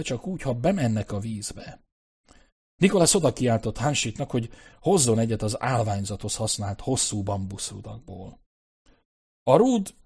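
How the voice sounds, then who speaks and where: A man narrating an adventure novel in a measured, descriptive storytelling style. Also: mid-range voice, vocal fry, darkish tone, breathy edge. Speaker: audiobook narrator. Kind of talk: scripted narration.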